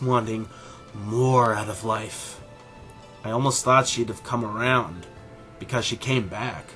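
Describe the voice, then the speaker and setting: Bitterness colours this man's performance as an arrogant, condescending middle-aged animal scientist and father in a scripted audio drama. He speaks pompously and deliberately, his voice on the low side yet bright and forceful.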